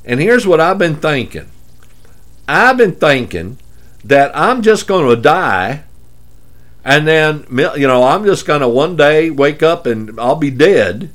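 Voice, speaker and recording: A man's voice: fairly high pitch, big pitch swings, slow, a bit bright, voice pushed up, full character voice. A man putting on a complacent elderly retiree with a folksy Texan drawl. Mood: smugly folksy.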